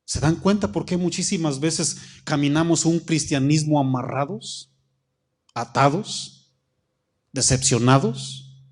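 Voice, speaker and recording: A man, a pastor preaching a sermon, reading scripture slowly and calling out questions to the congregation. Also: fairly high pitch, a little mellow. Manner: reads scripture slowly, stretching key phrases.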